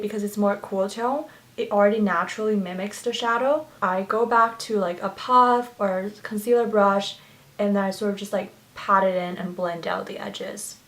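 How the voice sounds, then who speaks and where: A young beauty vlogger whose first language is Chinese talks through a get-ready-with-me makeup tutorial. Her medium-pitched voice has a fairly bright tone, and she gushes, using many fillers.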